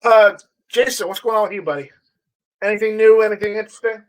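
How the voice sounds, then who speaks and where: On his casual stream, a man whose voice runs fairly high reads out comments and chats loosely. He halts often, repeating words as he goes. His tone stays steady, and the recording sounds rough.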